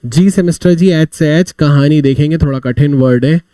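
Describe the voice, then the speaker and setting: A man's voice: on the high side, normal speed, warm tone, smooth, dry recording. A man teaching a vocabulary class, telling little stories to explain words and asking and answering his own questions. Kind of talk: live online vocabulary class.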